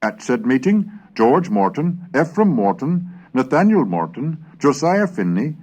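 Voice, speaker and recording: Scripted historical narration for a recorded lesson is read by a man whose voice sits in the mid range. He sounds formal and measured, yet expressive.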